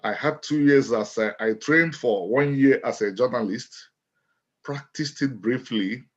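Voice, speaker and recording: A middle-aged Nigerian man with a Nigerian accent, speaking as an interview guest in a measured, deliberate way and restating his phrases. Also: medium pitch. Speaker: guest, author and lawyer. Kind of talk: interview storytelling. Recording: dull lo-fi audio.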